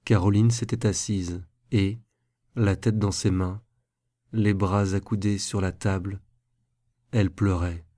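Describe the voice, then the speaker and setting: A man narrates a classic novel aloud in a low, dark, mellow voice. His reading is measured and even. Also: no echo, studio quality. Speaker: reader.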